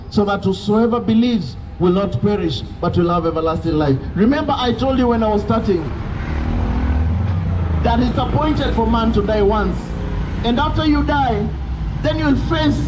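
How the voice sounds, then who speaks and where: A young man preaching insistently on a street pavement through a handheld mic and speaker, heard from a distance with traffic around. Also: very high-pitched. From Kenya. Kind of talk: open-air street preaching. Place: roadside pavement outdoors by traffic. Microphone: handheld mic into portable speaker, filmed from afar. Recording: distant outdoor street recording with traffic noise.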